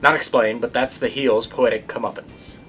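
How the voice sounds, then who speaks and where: A man co-hosting a horror host show with deadpan, scripted comic commentary. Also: medium pitch, moderate pace, soft background music.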